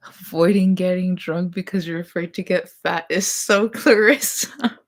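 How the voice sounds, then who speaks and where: Low-voiced young woman with vocal fry. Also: flat delivery, unhurried. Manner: blunt, profane, rambling; trying to talk quietly. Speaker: vlogger. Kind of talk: casual chat to camera.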